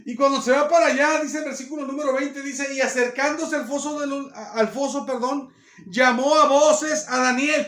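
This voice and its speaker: A man's voice: very high voice, fairly bright tone. A man preaching a sermon in a church, explaining earnestly and repeating his phrases. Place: church hall. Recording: echoey room.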